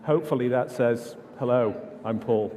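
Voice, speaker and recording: A man's voice: mid-range voice, normal speed, warm tone. A man giving an informal, self-deprecating keynote talk full of stories at a large conference. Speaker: conference speaker. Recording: long hall reverb.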